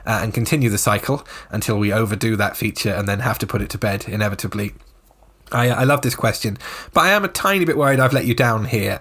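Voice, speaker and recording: Guy on a podcast musing out loud, lots of little uhs, middle pitch. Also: breathy edge. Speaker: podcast co-host. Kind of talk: casual podcast reply.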